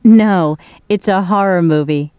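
A woman playing a young friend who invites someone to a movie, in a scripted language-course dialogue, speaking clearly in a friendly way. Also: on the low side, unhurried, dry recording, muffled recording, close to an everyday voice.

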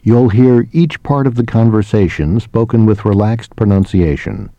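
A man giving scripted instructions as the narrator of a language course, reading each one in a slow, measured way. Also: lowish voice, warm tone, no echo, highs cut off.

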